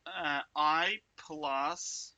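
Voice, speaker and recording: This coding tutor's voice is a little high and sharp, and he speaks extremely slowly. His walkthrough is casual and chatty: he thinks aloud, breaks off mid-thought, tosses in jokes, and keeps asking the viewer "right?"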